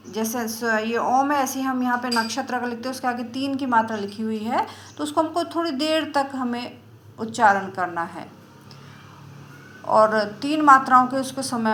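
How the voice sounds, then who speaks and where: A woman teaching a lesson, explaining step by step in a slow, patient way and drawing out example sounds. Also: a little high, fairly bright tone, roomy sound, a little hiss or hum. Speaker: Sanskrit teacher.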